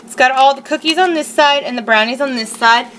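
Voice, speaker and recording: A woman in her thirties with a high, fairly bright voice speaks fairly quickly, giving an emphatic, chatty food review to camera in a casual unboxing style. She's recorded in a living room on a webcam or laptop mic at arm's length, with faint noise and typical home webcam sound.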